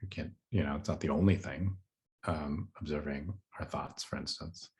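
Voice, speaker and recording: A man with a very low voice teaches meditation in an easygoing, conversational way. He talks loosely, with many fillers and small soft laughs between thoughts. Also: moderate pace. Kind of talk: casual spoken teaching.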